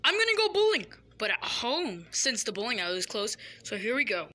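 A performer voicing an excitable, easily panicked little boy who talks to himself. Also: mid-range voice, a little fast, crowd noise, voice pushed down. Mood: gleeful.

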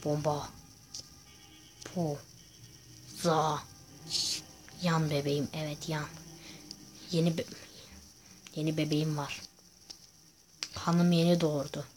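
A man's voice: on the high side, level tone, takes it slowly, pauses often, darkish tone, slight background noise. A man giving casual gameplay commentary to viewers, chatty and full of crude jokes. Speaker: gaming YouTuber host.

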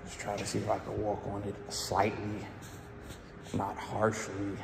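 Young dude venting on his phone in a big echoey gym, gravelly and slow. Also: lowish voice, monotone, noisy background. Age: 20s. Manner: frustrated, swearing, rambling. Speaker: vlogger. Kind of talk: casual vlog. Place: large indoor gym. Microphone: phone held low at arm's length.

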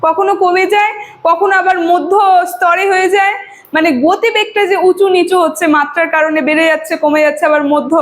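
A woman teacher with a very high voice leads an online class. She explains each point step by step and dictates definitions for students to copy down. She checks in often with a quick "okay?". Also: a bit bright. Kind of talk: online lecture.

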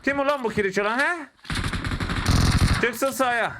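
A man's voice: extremely high pitch, expressive, normal speed, very noisy. A young man from Turkey commentating a mobile shooter game, talking with a slight lisp from dental braces and exclaiming at the action. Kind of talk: casual gameplay commentary. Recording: gameplay audio and gunfire behind.

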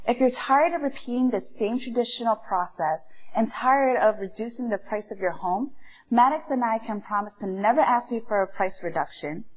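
A woman in her thirties, a real estate agent, speaking to the camera in a confident, promotional scripted pitch. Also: breathy edge, low-quality recording. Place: bright home interior, indoors.

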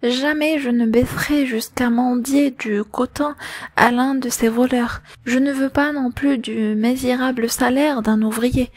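A grave, devout middle-aged father speaks calmly and steadily in an audiobook, as a high-voiced woman narrator reads his lines. The voice is light and close, in a dry recording. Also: unhurried, no echo. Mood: steady. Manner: calm, steady, consoling. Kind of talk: audiobook reading of a novel.

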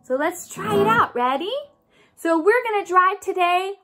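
A woman teaches music to small children in a broad, theatrical singsong. Her pitch sits extremely high and swings widely, and she takes her time, asking and encouraging as she goes. An acoustic guitar accompanies her. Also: normal speed. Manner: animated, questioning, encouraging call-and-response. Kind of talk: interactive music lesson for young children. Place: small home room, indoors. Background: acoustic guitar she plays.

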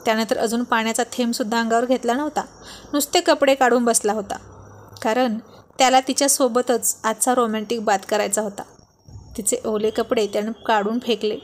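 A woman reading a romance story aloud in steady narration, slipping in English words. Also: fairly high pitch, fairly quick.

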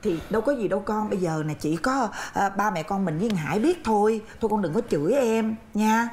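A woman in her sixties playing a fussy, excitable mother in a family sitcom. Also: medium pitch, slight background noise, lightly acted. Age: 60s. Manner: fussy, excitable, quick to scold. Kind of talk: sitcom acting.

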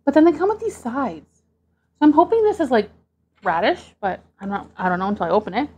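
On her own mukbang channel, a Canadian host talks casually and lights up with excitement as she unpacks each dish. Her voice is husky and fairly high, and she talks fairly quickly.

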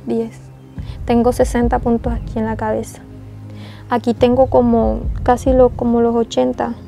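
A woman's voice: fairly high pitch, completely flat delivery, moderate pace, gravelly, warm tone, soft background music. Earnest young woman giving a testimony. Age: young adult. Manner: tearful and earnest. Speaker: interviewee. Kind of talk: emotional testimony.

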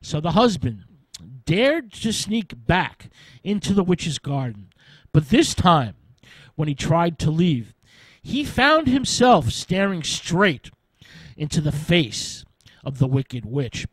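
A man telling a fairy tale on radio, slow and hesitant, leaning on little filler sounds. His voice sits a bit high for a man. The sound is dry and close, with no room around it. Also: big pitch swings, husky, no room sound, rough recording. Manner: unhurried, hesitant with frequent fillers. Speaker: radio storyteller.

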